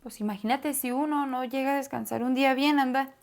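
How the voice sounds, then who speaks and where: Agreeable woman co-host, higher voice. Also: fairly even intonation, a little fast, creaky. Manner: agreeable, fills in with frequent "ujú" and echoes. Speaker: Bible study co-host. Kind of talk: casual Bible discussion.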